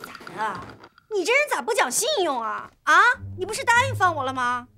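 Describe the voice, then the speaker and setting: Period TV drama: a sharp-tongued young woman, shrill and cheeky. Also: sing-song, normal speed, background noise. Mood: scornful. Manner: blunt, scolding, sassy.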